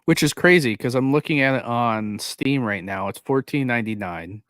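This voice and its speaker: A man's voice: mid-range voice, normal speed, a bit bright, no room sound. A man co-hosting a casual streamed podcast chat, often repeating words as he starts a sentence. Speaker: podcast co-host.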